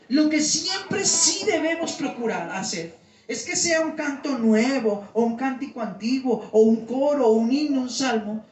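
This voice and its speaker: A man preaching a teaching sermon to his congregation, explaining terms and asking them questions. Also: very high-pitched. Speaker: pastor. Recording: roomy sound from a distance.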